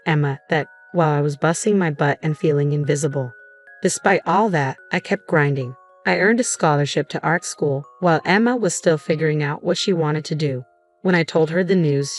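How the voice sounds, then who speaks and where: A young adult woman narrating a dramatic first-person story in a steady storytelling manner. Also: low-pitched, normal speed. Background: faint background music.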